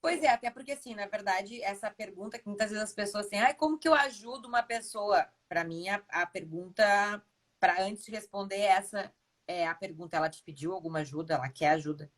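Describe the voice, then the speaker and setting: Uma mulher brasileira, mentora e coapresentadora, falando de modo reflexivo numa live. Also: female voice, medium pitch, normal speed. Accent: Brazilian Portuguese. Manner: reflective, guides the topics. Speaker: mentor and co-host. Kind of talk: live-stream talk.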